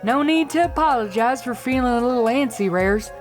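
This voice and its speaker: A woman's voice: fairly high pitch, expressive, fairly quick, soft background music, lightly acted. A woman voicing a down-to-earth country farm mare with a folksy drawl. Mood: reassuring.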